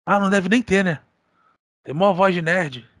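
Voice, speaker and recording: A man's voice: sits high, normal speed, a bit bright, dry recording, studio quality, pitched above the performer's own voice. A man putting on a crude, mocking Brazilian gamer. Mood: scornful. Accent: Brazilian Portuguese. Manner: swearing and mocking. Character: crude, insulting male online gamer, hostile.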